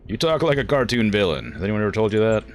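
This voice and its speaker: A man's voice: fairly low pitch, sing-song, fast talker, faint music behind. A man voicing a wry, plain-spoken mercenary commander while reading video game dialogue aloud. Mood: unimpressed.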